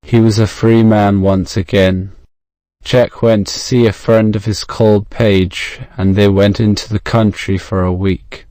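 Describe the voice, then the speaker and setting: A man narrates a story in a modern British accent, with a fairly low, crisp voice. His delivery is measured and fairly even, like an audiobook for learners, recorded close and dry. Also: no room sound, poor audio.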